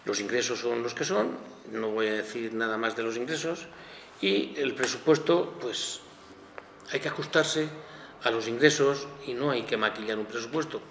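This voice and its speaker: A man's voice: medium pitch, animated, moderate pace, vocal fry, fairly bright tone, slight background noise. A man, a town councillor defending the budget at a press conference, emphatic with hesitant fillers. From Spain. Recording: echoey hall with long reverb, faint ambience.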